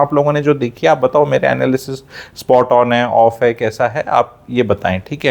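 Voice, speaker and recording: An Indian man speaking as a film reviewer. He mixes Hindi and English in a casual, opinionated way and explains technical flying details like a teacher, often pausing with "uh" and restarting. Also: mid-range voice, vocal fry.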